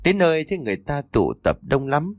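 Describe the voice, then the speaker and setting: A man narrating a dramatic audio story in a scripted, expressive reading on a close mic. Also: on the high side, brisk, no echo.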